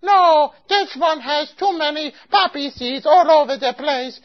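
A picky, insistent old matchmaker lady, as a woman acts her out, talking in broken English peppered with Yiddish words and circling back on herself. The voice sits high, and the recording is dull and lo-fi, like a homemade comic story skit. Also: a little slow. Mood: fussy. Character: fussy older woman customer and matchmaker.

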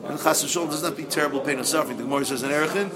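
Guy w a yiddish-sounding american accent, high voice, preaching like a rabbi, repeats stuff for emphasis, crowd in the room. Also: very fast. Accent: Yiddish-inflected American English. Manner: acts out dialogues with exasperated rhetorical questions; emphatic repetition. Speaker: rabbi giving a Torah lecture. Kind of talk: animated sermon to a live audience.

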